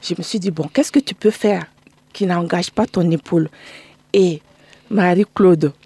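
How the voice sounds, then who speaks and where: A woman's voice: lowish voice, measured pace, warm tone, slightly rough, no echo. A middle-aged woman from Burkina Faso, a guest telling her story in a chatty way in a radio studio interview.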